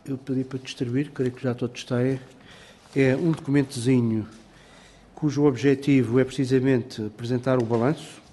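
A man's voice: mid-range voice, mellow. Hesitant man with a European Portuguese accent chairing a meeting. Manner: halting, many filler sounds and restarts, formal phrasing. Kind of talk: formal meeting address.

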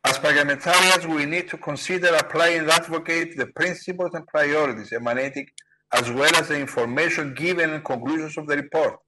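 A man's voice: on the high side, brisk, background noise. A man from Cyprus with a Cypriot accent, delivering a formal prepared speech as a parliamentarian.

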